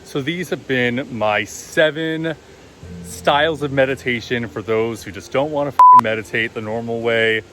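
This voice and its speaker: Standing outdoors at a loud waterfall, a deep-voiced man, a vlogger and meditation coach, shares casual, encouraging meditation tips. The rushing waterfall is loud in the recording, and music plays in the background.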